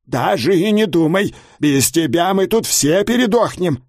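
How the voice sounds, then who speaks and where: A man's voice: high voice, animated, unhurried, no echo, clean studio sound, pitched above the performer's own voice, exaggerated voice. A man playing a mischievous female spirit of misfortune. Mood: cajoling.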